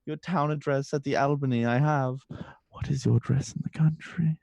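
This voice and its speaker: Man acting a self-possessed young lady in love, mellow, theatrical, formal, gushing, dry close sound, stage comedy. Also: medium pitch, fairly even intonation, moderate pace, vocal fry, no echo, highs cut off, close to an everyday voice. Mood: affected, romantic. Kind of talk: stage comedy table reading.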